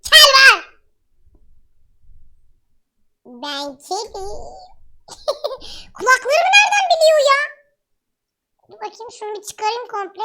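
A woman streamer chatting playfully through a pitch-raising voice changer filter that turns her voice squeaky. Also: bright, forceful tone, full character voice. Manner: playful, giggly, exclaiming. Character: squeaky chipmunk-voiced version of herself. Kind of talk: casual live-stream chat.

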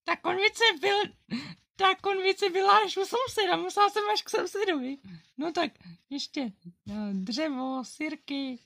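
A woman's voice: very high-pitched, vocal fry, a bit bright, exaggerated voice. A young female performer voicing a flustered female unicorn pony in a home-made toy play, babbling to herself as she fumbles through chores. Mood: muddled. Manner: scattered, babbling, self-talking.

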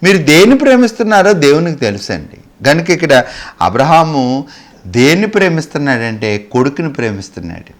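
A male preacher delivers a sermon in a fairly high voice that swings widely in pitch. He tells the story with dramatic flair and keeps asking the congregation questions. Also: very animated, brisk. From Andhra Pradesh, India. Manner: acts out the dialogue of the story's characters.

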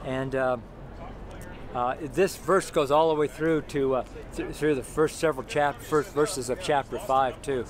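This middle-aged street preacher talks a little slowly in a steady, mid-range voice, addressing a close handheld camera from a city sidewalk by a brick wall. He rambles through an informal sermon, repeating points and restarting with fillers, while street traffic makes the recording noisy.

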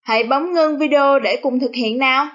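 A woman primary school teacher with a Southern Vietnamese accent, giving a recorded reading lesson in a slow, careful, over-articulated classroom manner. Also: sits high, a bit bright. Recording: dull lo-fi recording.

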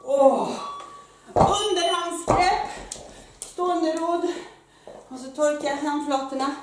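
A woman fitness coach who is out of breath, leading a workout with energetic, loud exclamations while she exercises. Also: very high-pitched. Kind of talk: live workout instruction. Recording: very echoey room, mic far off, faint noise.

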